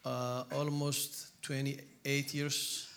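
A man, telling his testimony in English in short phrases that pause for an interpreter, often repeating words as he searches. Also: medium pitch, little pitch movement, vocal fry, fairly bright tone, slight background noise. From Ethiopia. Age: 40s. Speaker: guest speaker.

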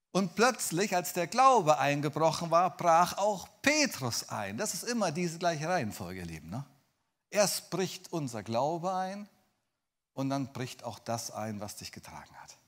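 A man preaching a sermon, addressing listeners directly and swinging from loud dramatic bursts to hushed, near-whispered lines. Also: on the high side, big pitch swings, a little slow.

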